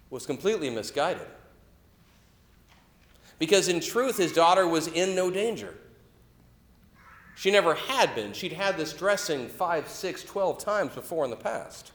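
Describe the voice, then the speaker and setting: Man, middle-aged, sermon storytelling, conversational, asks listeners questions, echoey room. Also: a little high. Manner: conversational, asks the listeners questions, grows loud when quoting anger. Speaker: preacher.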